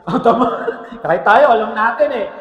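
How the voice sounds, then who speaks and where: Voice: mid-range voice, expressive, moderate pace, a bit bright, lo-fi sound. Joking middle-aged preacher in echoey hall. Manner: jokey, keeps asking the congregation "Amen?"; mixes English phrases into speech. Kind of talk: Taglish sermon. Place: church service hall. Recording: echoey hall with long reverb.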